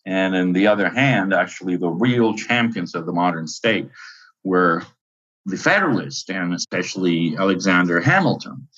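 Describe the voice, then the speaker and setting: A man with an Italian accent, a professor guest answering at length in animated, lecturing speech with frequent fillers and restarts. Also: low-pitched, normal speed, lo-fi sound. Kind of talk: interview answers.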